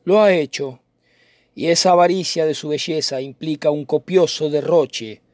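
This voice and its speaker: A brooding, lovesick young nobleman speaks in poetic, declaiming lines, as a man reads the part aloud. The voice sits a little high for a man, close and dry with no room around it. The delivery is theatrical, as in a dramatic reading of a play. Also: darkish tone, no echo, close to an everyday voice.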